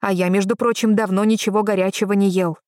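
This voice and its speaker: A woman reading the lines of a gruff, wry old man in an audiobook, slow and drawling. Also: mid-range voice, fairly even intonation, a little mellow, no echo, studio quality, close to an everyday voice. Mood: grumbling.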